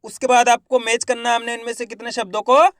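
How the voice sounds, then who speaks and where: A man teaching Hindi reading, sounding words out slowly syllable by syllable and then repeating each whole, while he encourages viewers as friends. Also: very high-pitched, level tone, fairly bright tone, no room sound, studio quality.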